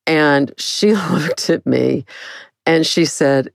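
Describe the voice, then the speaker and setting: Older lady telling her own story, super low voice with lots of fry, swoops way up when she gets worked up, dry close sound. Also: takes it slowly, no echo. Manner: animated, self-mocking, big swings in pitch. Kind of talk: personal storytelling monologue.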